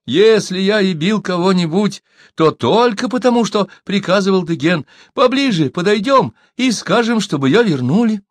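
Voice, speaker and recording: A man voicing a cowardly, fat male captive who whines, begs and flatters in a shrill voice. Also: moderate pace, no room sound, clean studio sound, close to an everyday voice. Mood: fawning. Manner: shrill, whining, fawning.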